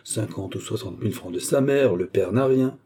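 A man's voice: on the low side, moderate pace, warm tone, slightly rough. A man voicing a cool, scheming young baronet who stays unruffled and feigns surprise. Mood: cool, mocking.

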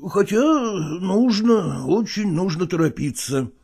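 A man reading an audiobook, voicing a middle-aged actor who pretends to be ill, groaning and slowly wheedling. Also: high voice, animated, warm tone, breathy edge, pitched above the performer's own voice, exaggerated voice. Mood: groaning evasive. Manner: groaning, drawn-out and slow, wheedling. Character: middle-aged male actor feigning illness, evasive.

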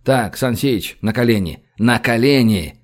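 A man voicing a tough, menacing captive who barks clipped orders in a low voice. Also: animated, unhurried, close to an everyday voice.

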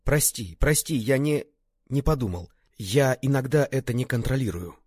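An earnest, protective young man speaks with insistent force, his voice lifted above the reader's own. A man reads him aloud in a storybook reading, the tone husky and a little breathy. The recording is dry and close. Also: medium pitch, lively intonation, normal speed, darkish tone, dry recording, pitched above the performer's own voice, lightly acted.

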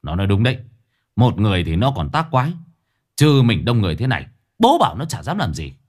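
A man playing a brash middle-aged uncle who talks loudly and bluntly. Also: lowish voice, huge pitch swings, fast talker. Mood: forceful. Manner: loud, blunt, coarse.

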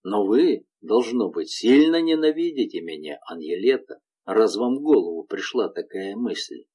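A tormented young wolf leader from a storybook speaks with brooding bitterness, played by a male reader. The voice sits low and husky, with lively swings of pitch. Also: normal speed.

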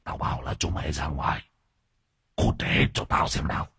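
A man's voice: moderate pace, fairly bright tone, no echo, clean studio sound, natural voice. Man voicing a snarling possessed father. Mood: menacing. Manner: snarling, commanding. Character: possessed man, cold and menacing.

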